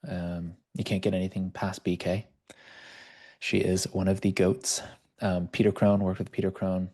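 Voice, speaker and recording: Male life coach, low gravelly voice, relaxed storytelling delivery, video-call audio. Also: moderate pace. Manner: conversational, storytelling. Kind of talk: online workshop teaching.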